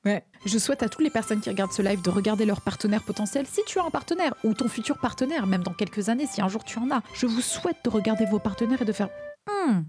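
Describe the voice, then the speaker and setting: A woman's voice: medium pitch, animated, fast talker, a little mellow. A young woman hosting a reaction video, chatty and teasing, dropping English phrases into her commentary. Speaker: YouTube host reacting to a dating show. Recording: music playing under the voice. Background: background music.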